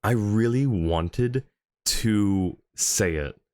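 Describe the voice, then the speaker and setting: In a smooth, slightly mellow, lowish voice, a streamer talks extremely slowly to his audience. His casual broadcast is friendly and chatty, with thanks and greetings to viewers traded back and forth.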